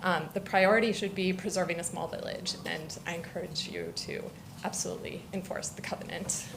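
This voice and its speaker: A woman's voice: on the low side, steady tone, brisk, gravelly, very noisy. A woman speaking at public comment in a council meeting, earnest and firm.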